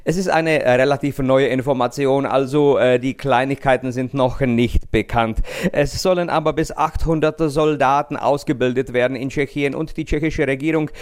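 A man reporting as a correspondent, speaking in a measured way with some fillers. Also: mid-range voice, steady tone. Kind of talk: news interview answers.

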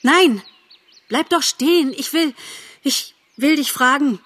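A woman's voice: high voice, slow pace, fairly bright tone, voice pushed up. A woman doing Bambi, an eager young deer. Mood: pleading. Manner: pleading, breathless urgency.

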